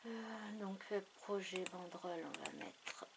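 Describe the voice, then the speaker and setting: Slow, musing woman with mouse clicks. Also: mid-range voice, fairly even intonation, background noise. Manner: unhurried, thinking aloud with frequent fillers. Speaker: craft tutorial host. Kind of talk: casual screen tutorial narration.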